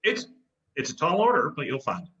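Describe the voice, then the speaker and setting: A man's voice: a little high, wildly swooping pitch, a little fast, pushed and bright, distant mic, full character voice. A man playing a wisecracking married sportswriter in a comedy play reading, with a dry, jokey delivery. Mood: kind. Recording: dull lo-fi video call audio.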